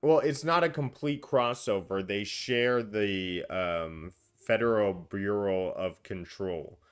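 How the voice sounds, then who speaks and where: Brief: low, resonant male co-host, rambling gaming chat. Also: slow pace, clean tone. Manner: chatty, self-deprecating, rambling with fillers. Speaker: podcast co-host. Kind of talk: casual gaming podcast chat.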